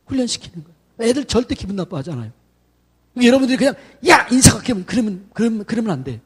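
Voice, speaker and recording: Husky high-voiced pastor preaching. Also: male voice, sing-song, rapid-fire, a little mellow. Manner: chatty, acts out greetings in quoted voices. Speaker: senior pastor. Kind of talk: lively sermon to church staff. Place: church sanctuary.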